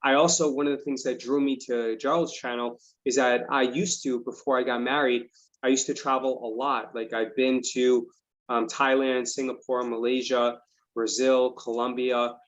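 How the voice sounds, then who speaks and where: A man's voice: mid-range voice, little pitch movement, normal speed. A middle-aged man hosting an investing channel, talking in an earnest, reflective way with many fillers. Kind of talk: casual interview chat. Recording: dull lo-fi audio.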